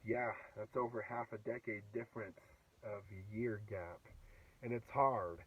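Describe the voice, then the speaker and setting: A man's voice: mid-range voice, a little slow, slightly rough. A man in his twenties with a sore throat from a cold, rambling through a casual vlog from inside his car, full of fillers and restarts. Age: 20s. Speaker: vlogger. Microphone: phone. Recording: dull, distant phone audio in a car.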